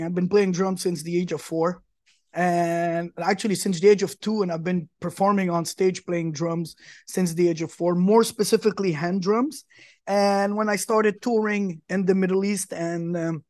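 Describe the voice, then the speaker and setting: A man's voice: high voice, steady tone, normal speed, a little mellow, no echo, studio quality. A man from Quebec, a musician guest on a talk show, eagerly telling long stories about his career. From Quebec, Canada. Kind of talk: casual interview chat.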